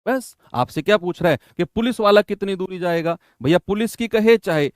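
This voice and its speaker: A man's voice: sits high, moderate pace, no echo, clean studio sound. A man teaching an exam-prep math lesson in Hindi, coaching students in a chatty way and often checking with "है ना?".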